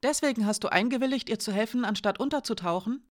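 A woman's voice: on the high side, quick pace, pitched above the performer's own voice, close to an everyday voice. A woman reading an audiobook, voicing a young woman full of guilt who pleads through tears. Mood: accusing. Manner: pleading, emotional.

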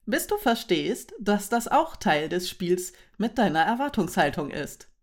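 A woman's voice: medium pitch, big pitch swings, unhurried. A woman voicing Anuka, an eager young friend explaining her ideas in a storybook reading.

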